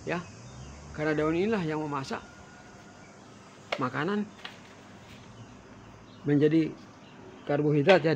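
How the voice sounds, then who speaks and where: Gravelly-voiced farmer teaching outdoors in the orchard, faint background noise, talks straight to viewers. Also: male voice, a little high. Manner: addresses viewers as fellow farmers, explains while pointing. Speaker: durian farmer. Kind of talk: farming tutorial.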